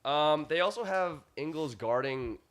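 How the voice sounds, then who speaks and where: A man's voice: on the high side, expressive, unhurried, a bit bright. A man co-hosting a casual sports podcast, chiming in with short dry remarks. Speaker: podcast co-host.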